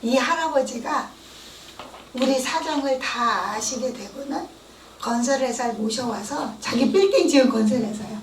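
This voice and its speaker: A middle-aged woman with a high voice tells her testimony in church, lively and animated, slipping into the voices of the people she quotes. She sounds a little far from the mic in an echoey hall, with faint room ambience behind her. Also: normal speed, a little hiss or hum. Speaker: testimony speaker.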